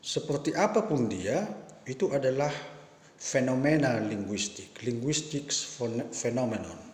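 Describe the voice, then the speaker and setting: Male lecturer, emphatic, mid-pitched, recorded in a reverberant hall. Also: lively intonation, unhurried, a little mellow. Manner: emphatic, rhetorical questions. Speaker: professor giving a talk. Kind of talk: spoken lecture to teachers. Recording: echoey room with long reverb.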